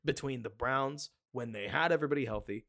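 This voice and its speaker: A man's voice: mid-range voice, brisk, fairly bright tone. A man co-hosting a casual sports podcast, musing about the game in a loose, conversational way. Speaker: podcast co-host.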